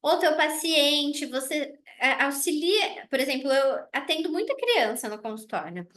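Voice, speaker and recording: Woman dentist, high voice, warm casual explainer, restates each point. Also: very animated, a little slow, a little hiss or hum. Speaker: dentist presenting a wellness oil kit for children. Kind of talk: casual online presentation.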